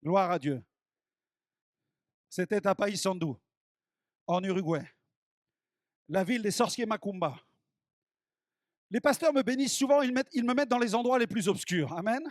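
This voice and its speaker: High-pitched guy preaching, acts out the dialogue, gets shouty, dry sound. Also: no room sound. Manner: emphatic, builds to shouting peaks; acts out dialogue in his stories. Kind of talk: evangelistic sermon with personal stories.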